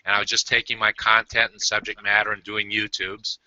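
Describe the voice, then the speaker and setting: A man hosting a casual video call interview, halting with many "uh" fillers and restarts. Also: on the low side, monotone, bright, forceful tone, no room sound, highs cut off. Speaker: host.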